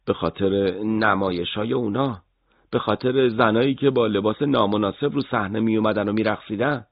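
A man's voice: lowish voice, dry recording, lo-fi sound. A man voicing a frightened young male detainee who pleads and stammers out denials. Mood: confessing.

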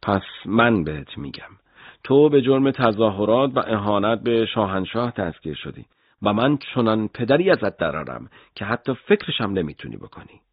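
A cruel middle-aged interrogator, played by a male narrator threatens and taunts in a low, husky voice. The delivery swings between soft menace and sharp outbursts. The recording is dry and dull. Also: big pitch swings, no room sound. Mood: threatening.

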